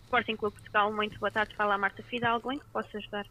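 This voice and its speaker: A woman's voice: mid-range voice, little pitch movement, quick pace, pushed and bright. A woman answering as a call center agent, polite and formal, heard over a phone line. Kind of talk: customer service phone call. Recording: tinny phone line, faint noise.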